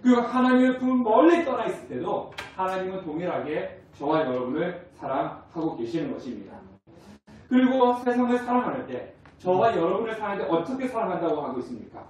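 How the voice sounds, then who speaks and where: Man, pastor, conversational sermon, questions the congregation, booming reverberant hall, distant mic. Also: very animated, a little fast, darkish tone. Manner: acts out family dialogues. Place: church sanctuary.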